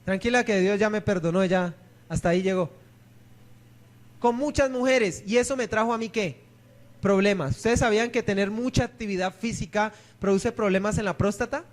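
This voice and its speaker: A man's voice: high voice, steady tone, a little fast. A man, a pastor preaching a sermon in church, who keeps asking the congregation questions and answering them himself.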